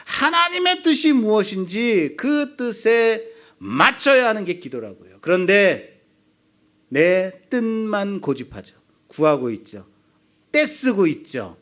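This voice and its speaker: A man's voice: high-pitched, wildly swooping pitch, takes it slowly, a bit bright. A male pastor preaching a sermon, asking the congregation rhetorical questions.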